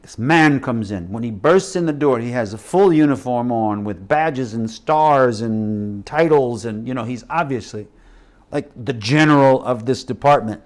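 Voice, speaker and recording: Middle-aged man, sermon storyteller, lively and dramatic, swings from loud to hushed. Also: medium pitch, measured pace. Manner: animated storytelling with acted quotes and shifting loudness. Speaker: missionary preacher.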